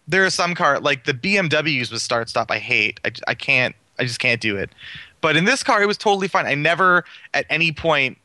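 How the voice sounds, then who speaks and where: A man talks cars in relaxed podcast chat, enthusiastic and rambling, stacking up fillers as he goes. His voice is very bright and forceful. The recording is close and dry. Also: mid-range voice, dry recording. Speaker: car reviewer on a podcast. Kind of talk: casual chat.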